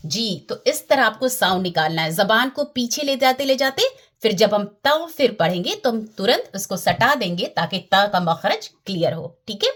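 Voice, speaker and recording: A woman's voice: medium pitch, very animated, moderate pace, a bit bright. A woman teaching Quran recitation in a patient lesson, often checking that her listeners follow and demonstrating the sounds herself.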